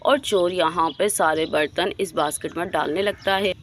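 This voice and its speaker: A woman's voice: lowish voice, normal speed, fairly bright tone, a little hiss or hum. A woman narrating a bedtime moral story acted out with dolls, step by step.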